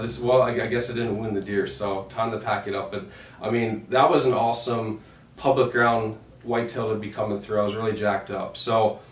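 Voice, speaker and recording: Roomy-sounding man telling a hunting story. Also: lowish voice. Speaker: hunter narrating his own footage. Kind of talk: casual storytelling narration. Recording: roomy, distant microphone.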